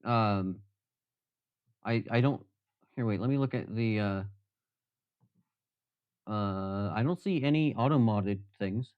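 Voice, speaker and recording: Man, low-pitched, rambling joking chat, dull lo-fi stream mic, dry workshop. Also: slow, pauses often, smooth, no room sound. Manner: joking, rambling with many fillers. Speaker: livestreamer. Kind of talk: casual chat while working at a workbench. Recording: dull, slightly lo-fi stream audio.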